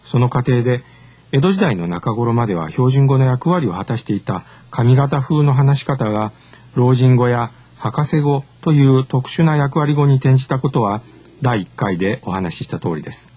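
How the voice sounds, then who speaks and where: A man giving a scripted lecture in a measured, formal, explanatory way. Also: medium pitch, expressive, warm tone.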